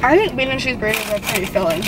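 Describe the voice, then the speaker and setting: A woman chatting casually about food while chewing, relaxed and loose, with plenty of fillers. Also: on the high side, racing. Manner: relaxed, filler-heavy, speaks in short loose phrases. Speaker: food reviewer co-host. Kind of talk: casual food review chat. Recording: car noise behind the voice.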